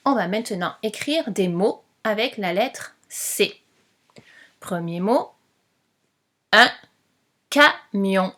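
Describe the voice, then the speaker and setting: Slow patient woman giving a dictation. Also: medium pitch, lively intonation, fairly bright tone. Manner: slow, patient, spells out letters one by one. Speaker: teacher.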